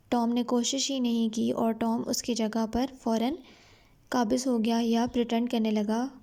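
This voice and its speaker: Brief: woman teacher, Pakistani accent, slightly high mellow voice, slow careful reading with explanations. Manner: reads English lines slowly then explains in Urdu. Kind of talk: reading a novel aloud and explaining it.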